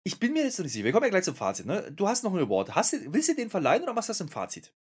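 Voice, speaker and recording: A man's voice: high-pitched, wildly swooping pitch, rapid-fire, breathy edge. A man co-hosting a casual wrestling recap podcast, ranting with exasperated sarcasm. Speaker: podcast co-host.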